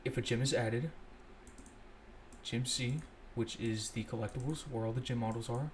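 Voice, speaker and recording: A man's voice: mid-range voice, moderate pace, a little hiss or hum. Young man thinking aloud over code. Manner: relaxed, thinks aloud, self-correcting. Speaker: scripting tutorial host. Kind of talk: casual screen-recorded coding walkthrough.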